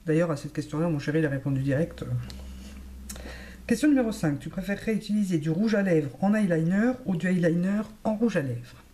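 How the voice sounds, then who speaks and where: A woman vlogging casually to camera about beauty, chatty and hesitant, pausing often with fillers as she thinks aloud. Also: lowish voice, lively intonation, dark tone.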